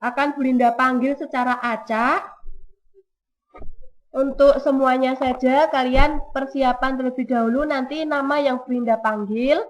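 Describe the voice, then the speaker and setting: A woman teacher giving an online class lesson over a video call, explaining slowly and repeating key terms. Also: high-pitched, fairly even intonation. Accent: Indonesian. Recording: dull lo-fi audio with clear noise.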